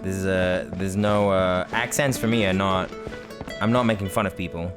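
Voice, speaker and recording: A man's voice: low voice, fairly even intonation, normal speed. A man hosting a let's play, chatting casually with lots of laughs and rambling restarts. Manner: rambling, laughing, self-correcting. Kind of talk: casual gameplay commentary. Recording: game music playing behind.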